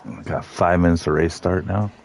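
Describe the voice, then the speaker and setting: A man commentating live on a sim race, reading out the starting grid in a relaxed, joking way. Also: sits low, moderate pace, slight background noise.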